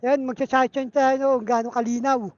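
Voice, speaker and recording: A Filipino motovlogger chats casually and haltingly while riding a motorcycle outdoors in traffic, speaking through a Bluetooth helmet intercom mic. The high-pitched voice is delivered flatly, muffled by the intercom amid loud vehicle and road noise.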